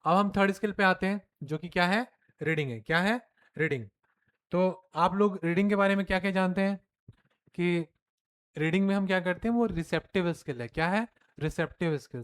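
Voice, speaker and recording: Hindi-speaking male teacher, question-and-answer lecture. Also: high-pitched. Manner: lively, mixes Hindi and English, asks and answers his own questions. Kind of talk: classroom lecture.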